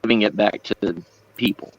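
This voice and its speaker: A man calling in to a casual chat, talking haltingly and searching for words, his call audio breaking up from a weak signal. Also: fairly low pitch, no echo, poor audio. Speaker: guest caller.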